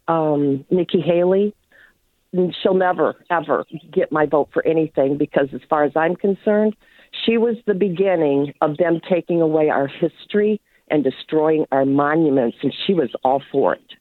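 Lady caller, phone-line sound, dry, firm opinions with pauses. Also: sits low, no echo. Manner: firm, opinionated, halting with ums.

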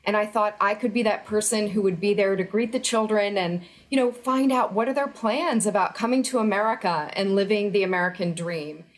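A middle-aged woman, a former federal employee, is a guest in a remote news interview, speaking earnestly and urgently and emphasizing her points. Her medium-pitched voice moves a little fast with few pauses.

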